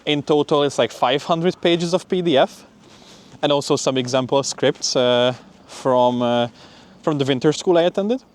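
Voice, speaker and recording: A PhD student in his young adult years, with a voice on the high side and a normal speaking speed, shares an informal and upbeat vlog recap of his week, talking casually.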